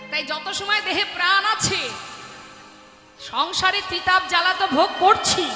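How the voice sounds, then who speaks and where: A woman preacher and kirtan singer giving a devotional sermon, urging the audience and breaking into chants. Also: very high-pitched. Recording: echoey hall with loud music.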